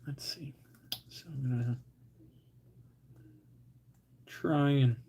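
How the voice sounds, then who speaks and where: Male livestream host, slow and gravelly, half-muttering while he works at his bench. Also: medium pitch, fairly even intonation. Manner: mutters to himself while working, drifting quiet. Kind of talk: casual livestream chat while building models. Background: faint air compressor hum.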